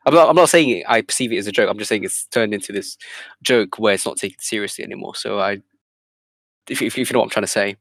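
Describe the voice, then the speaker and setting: Hesitant, gravelly-voiced man. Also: lowish voice, fast, a bit bright, no room sound. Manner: hesitant, many fillers and restarts. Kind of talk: casual podcast chat.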